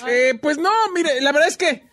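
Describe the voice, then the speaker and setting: Blunt, scolding judge with a very high, dry voice, played by a man. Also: moderate pace, fairly bright tone, dry recording. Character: stern male talent show judge. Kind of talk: radio comedy sketch.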